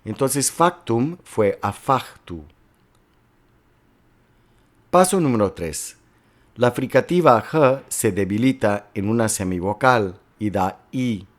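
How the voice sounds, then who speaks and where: A man lecturing slowly and carefully, working step by step through examples as a teacher. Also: mid-range voice, animated. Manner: slow, careful, explanatory delivery with worked examples. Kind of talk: recorded lecture on historical linguistics.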